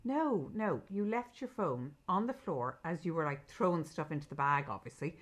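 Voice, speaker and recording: Speaking at an ordinary pace in a low, expressive voice, a middle-aged Irish mother co-hosts a podcast with her daughter. In casual conversation she retells a story emphatically, quoting what people said.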